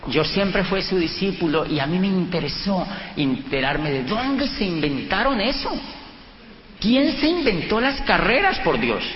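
In a dull, roomy hall with faint noise, a middle-aged Colombian man lectures an audience through animated stories in a Colombian Spanish accent. His voice is fairly high, and he acts out the dialogue with lively pitch jumps.

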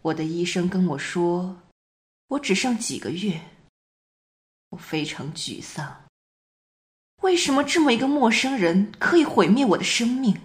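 In a measured amateur radio play monologue, a woman with a lowish voice plays a troubled half-French wife recalling a recurring dream, phrasing deliberately and pausing often.

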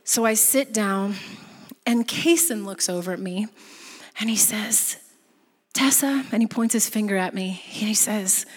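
A woman telling a personal story in a lively way, laughing often and acting out what people said. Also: mid-range voice, a little slow, long pauses, in a large hall.

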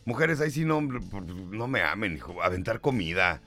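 A man's voice: fairly low pitch, lively intonation, moderate pace, sharp tone, soft background music. A middle-aged man with a Mexican Spanish accent co-hosting a talk show, reading listener comments aloud and answering them emphatically. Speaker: radio show host.

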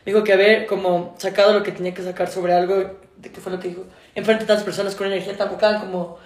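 A young woman, co-hosting a podcast in casual chat and telling stories quickly, often laughing. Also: mid-range voice. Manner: fast, laughing, animated storytelling. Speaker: podcast co-host and stand-up comedian. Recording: roomy echo.

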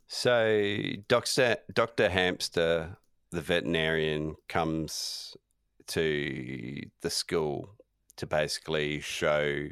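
A man's voice: a bass voice, takes it slowly, fairly bright tone, clear, resonant tone, dry recording, clean studio sound. A man co-hosting a podcast, laid-back and hesitant with fillers. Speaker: podcast co-host. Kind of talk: casual comedic chat.

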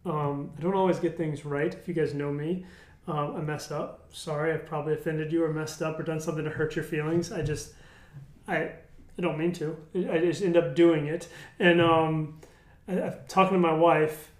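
A man's voice: fairly high pitch, level tone, moderate pace. Candid man, raised voice, echoey room. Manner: candid, self-deprecating, many restarts. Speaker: podcast co-host. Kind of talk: casual faith discussion.

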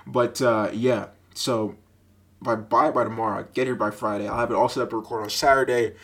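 Using a budget mic with a sock pop filter, a young adult man hosts a relaxed podcast on his own. His deep voice carries rambling, animated stories full of fillers and laughs, delivered briskly.

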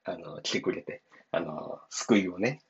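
A man's voice: deep voice, animated, unhurried, highs cut off. A man with a Kansai accent hosting a casual solo podcast, his voice still subdued and not fully awake, rambling and apologetic with frequent chuckles. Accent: Kansai Japanese. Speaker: podcast host and shop owner.

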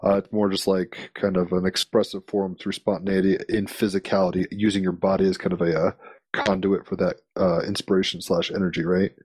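A man's voice: low-pitched, flat delivery, a little fast, darkish tone, slightly rough, no echo. A man hosting a casual, musing conversation, speaking in informal, slangy, rambling phrases. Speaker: interviewer, conversation host.

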